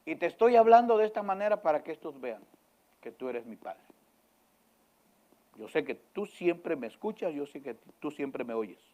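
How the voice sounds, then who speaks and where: A male preacher acting out a calm man praying softly to God in a hushed, reverent voice. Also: a little high, normal speed, low-quality recording.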